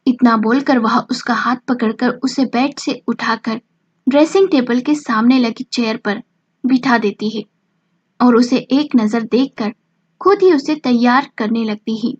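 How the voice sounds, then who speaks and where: A woman reads a romantic drama story aloud in a steady, dramatic way. Her voice sits fairly high with a husky grain. The recording sounds dull and lo-fi. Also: measured pace, no room sound. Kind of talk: scripted story narration.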